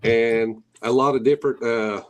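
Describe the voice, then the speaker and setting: A man's voice: medium pitch, fairly even intonation, normal speed. A middle-aged man with an Appalachian hillbilly accent telling stories casually in an interview, folksy and rambling with rural grammar. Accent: Appalachian, hillbilly drawl. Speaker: guest, paranormal investigator.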